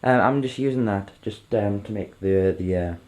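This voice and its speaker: Here a video tutorial presenter with a fairly low, slightly mellow voice walks through an informal demonstration. His delivery rambles and stalls, and he often pauses to check in with whoever is watching.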